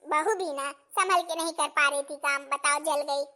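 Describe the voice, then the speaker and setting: A woman's voice: sits high, steady tone, normal speed, pushed and bright. A woman voicing a fussy, caring middle-aged mother-in-law in a cartoon story. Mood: fussing. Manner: coaxing, fussing. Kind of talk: cartoon voice acting.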